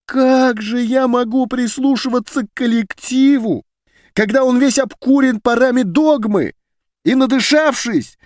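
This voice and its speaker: A man's voice: very high-pitched, measured pace, no echo, studio quality, voice pushed up. A man reading an audiobook, voicing a heated, defiant male scientist who argues in declamatory outbursts. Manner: heated, declamatory, rising to shouts. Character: agitated male geneticist defying a meeting. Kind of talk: audiobook character voice.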